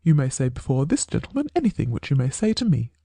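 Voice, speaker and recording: A man voicing a brisk, dryly confident detective. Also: mid-range voice, huge pitch swings, gravelly, dark tone, slightly rough, dry recording, voice pushed up, full character voice. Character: keen, brisk male detective, dry wit. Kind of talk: audiobook character voice.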